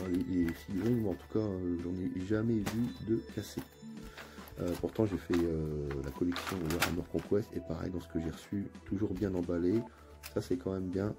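A man with a northern French accent talks through an unboxing on his channel, relaxed and chatty, pausing often to hesitate. His voice sits on the low side with a warm, mellow tone, and soft music plays quietly underneath. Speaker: channel host. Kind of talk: casual unboxing narration. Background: faint background music.

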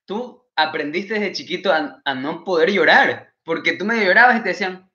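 Brief: Ecuadorian male stand-up, lively and bright-toned, dull roomy recording. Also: high voice, moderate pace. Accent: Ecuadorian Spanish. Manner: animated, mimics scolding mothers in a shifted voice. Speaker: comedian. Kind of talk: stand-up comedy, live stream.

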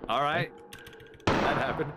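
A man's voice: fairly high pitch, slow, heavy background noise. A young man co-commenting on a friend's gameplay, teasing him and laughing often. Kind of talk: casual gaming commentary.

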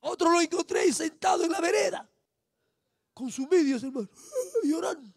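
A Peruvian man preaches a fiery evangelistic sermon, shouting in a very high, gravelly voice and breaking in with praise over and over. The sound is dry and close, with no room echo. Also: brisk. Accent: Peruvian Spanish. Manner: shouting, repetitive exclamations of praise. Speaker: street preacher.

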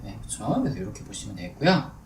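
A man teaching business English in a chatty lecture, drilling English phrases slowly and deliberately. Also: lowish voice, very animated. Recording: echoey room, distant mic, faint noise.

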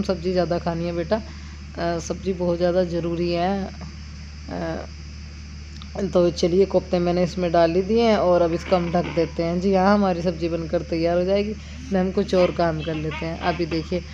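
A chatty woman with a lowish voice talks through her cooking in a village kitchen, explaining each step in a homely way. The sound is dull and lo-fi, and crickets and insects chirp clearly behind her. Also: little pitch movement, moderate pace, dark tone. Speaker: village vlogger. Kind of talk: cooking vlog narration. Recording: dull lo-fi sound with outdoor noise.

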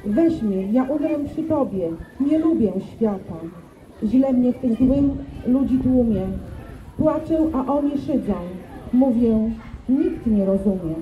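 A woman reciting the part of a young village girl grieving her dead lover, slow and pleading, in a roomy school hall. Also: fairly high pitch, lively intonation, narrow, tinny audio. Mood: distraught. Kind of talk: poetry recitation.

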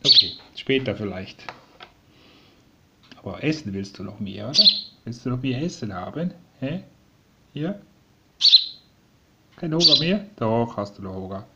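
A man talking softly and doting to a young sparrow he is raising, coaxing it and explaining to viewers in a casual home video. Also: mid-range voice, expressive, a little slow, pauses often, heavy background noise. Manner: coaxing, soft and doting, often dropping to a whisper. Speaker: vlogger raising a rescued sparrow. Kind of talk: casual talk to a bird and viewers. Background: sparrow chirping.

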